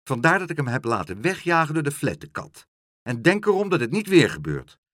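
A bossy, fussy mother scolds in a husky voice that swings up and down, put on by a man reading aloud. She sounds brisk and strict. The sound is dry and close. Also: a little high, big pitch swings, fairly bright tone, no room sound, pitched above the performer's own voice. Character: strict fussy mother, middle-aged woman.

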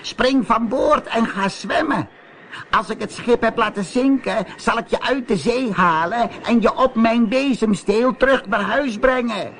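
A man voicing an angry, spiteful female sea witch in a storybook reading, with a shrill manner. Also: a little slow, fairly bright tone, a little hiss or hum, exaggerated voice. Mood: scheming.

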